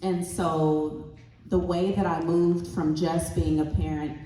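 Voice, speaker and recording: Slow, mellow-voiced woman on a panel. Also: low voice, little pitch movement, a little hiss or hum. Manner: earnest, heartfelt and reflective. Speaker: panelist, parent of a child who stutters. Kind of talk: panel discussion talk. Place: convention hall stage. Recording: echoey hall, voice far from mic.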